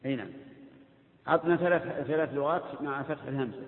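A man teaching a class, patiently quizzing his students and repeating words slowly. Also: medium pitch, slight background noise. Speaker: teacher of Islamic jurisprudence. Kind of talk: classroom lecture. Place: lecture hall with students. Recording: tinny, echoey old hall recording.

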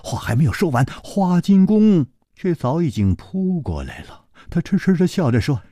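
A man narrating a story in a traditional Chinese oral storytelling style, dramatic and expressive. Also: normal speed, dry recording, clean studio sound. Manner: expressive, dramatic pitch swings.

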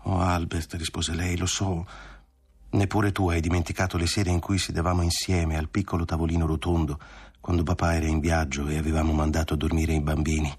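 A man voicing a gentle, grieving young woman in a literary audiobook, with a soft, tender delivery. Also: sits low, level tone, brisk, breathy edge.

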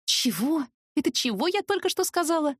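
A woman's voice: sits high, normal speed, no echo, clean studio sound, pitched above the performer's own voice, natural voice. A woman reading an audiobook, voicing a timid, flustered young heroine who stammers nervously. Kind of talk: audiobook character voice.

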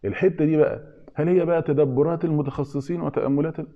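A man's voice: fairly high pitch, steady tone, quick pace, highs cut off. A man with an Egyptian accent giving an informal religious lesson, often asking his listeners questions and answering them himself. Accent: Egyptian Arabic. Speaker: religious teacher.

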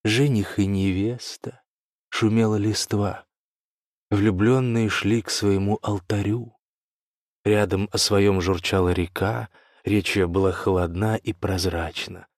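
Man reading a story out, lowish voice, dry close sound. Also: little pitch movement, a little slow, no echo. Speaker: narrator. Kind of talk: scripted story narration.

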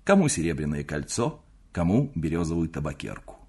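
A man narrating a classic novel as an audiobook, expressive storytelling. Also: rumbling low, a little fast, slightly rough. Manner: expressive storytelling, acting out the characters.

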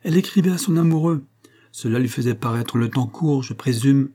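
A man's voice: medium pitch, moderate pace, warm tone, slightly rough, close to an everyday voice. A man reading the part of a teasing, sly middle-aged master of the house, in a jovial mocking tone.

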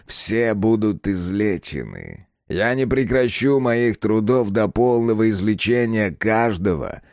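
A man's voice: lowish voice, a little mellow, no echo, studio quality. A man voicing a fanatical old male prison warden who preaches sanctimoniously and rises to shrieks, in an audiobook reading. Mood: exalted.

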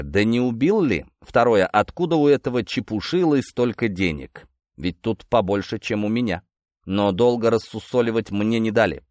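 A man narrating a first-person audiobook in a lively, expressive storytelling manner. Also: medium pitch, dry recording, clean studio sound.

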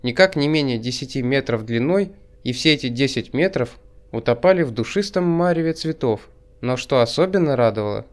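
Бриф: мужчина-чтец, ровное литературное повествование с иронией, голос средней высоты. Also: male voice, mid-range voice. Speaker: audiobook narrator. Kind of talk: scripted narration.

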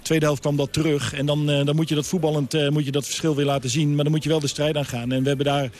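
Flat, halting male football trainer. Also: fairly high pitch. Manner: halting, frustrated, many fillers. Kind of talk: post-match interview.

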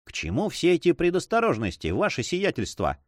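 A man's voice: fairly high pitch, wildly swooping pitch, brisk, no echo, studio quality, voice pushed up. A man voicing a cold, calculating spy in an audiobook, coolly polite and deferential. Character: cold, calculating male spy, greedy for gold. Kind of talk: audiobook reading.

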